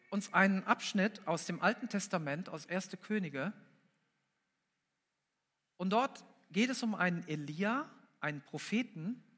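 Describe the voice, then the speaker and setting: A man's voice: high voice, a bit bright, in a large hall. A man preaching a sermon, earnestly addressing the congregation and building his points through repetition. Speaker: pastor.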